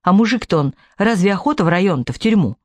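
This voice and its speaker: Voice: medium pitch, expressive, fast talker, no room sound, natural voice. A man reading a storybook, voicing an old village woman with folksy rural speech. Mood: wistful. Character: old village woman telling her war memories.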